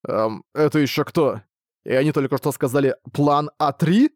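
A man's voice: on the high side, normal speed, darkish tone, no room sound, clean studio sound, close to an everyday voice. Man reading a wry wary young hero. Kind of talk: audiobook reading.

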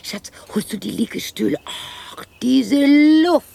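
A woman reading an audiobook and voicing a lonely, confused sixty-year-old widow who rambles to herself in her garden, drifting between breathy half-whispers and spoken lines. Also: mid-range voice, very animated, measured pace, a little hiss or hum. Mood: rambling, drifting.

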